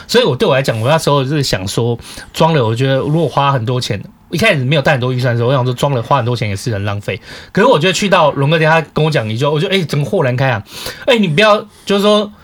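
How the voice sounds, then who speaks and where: A man's voice: medium pitch, racing, hardly any pauses. A man hosting a podcast, chatting casually and acting out conversations as he tells a story. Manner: animated, quoting people in dialogue. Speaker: podcast host.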